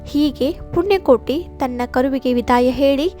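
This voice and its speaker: Woman storyteller, high voice, slow, even, scripted. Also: soft background music. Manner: steady, even reading. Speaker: narrator.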